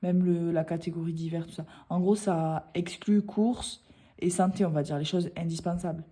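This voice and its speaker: A woman's voice: lowish voice, fairly even intonation, moderate pace, warm tone, breathy edge. A woman, chatting casually in a vlog, rambling with many hesitations. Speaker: budgeting vlogger. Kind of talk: casual chat.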